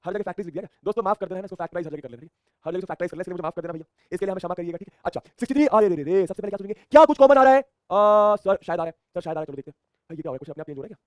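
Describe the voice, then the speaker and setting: A man races through a math lesson, asking questions and answering them himself. His voice sits high for a man. The sound is close and dry, with no room around it. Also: racing, no echo. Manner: energetic, repeats phrases, asks and answers his own questions. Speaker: math teacher.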